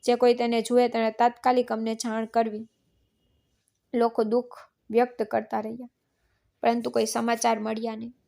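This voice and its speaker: A woman narrating a scripted family story in a flat, even reading. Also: on the high side, moderate pace, gravelly.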